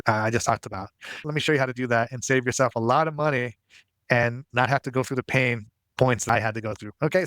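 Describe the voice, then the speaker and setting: A man's voice: medium pitch, fairly bright tone, no room sound. A man narrating a tutorial as its host in a casual, explanatory style.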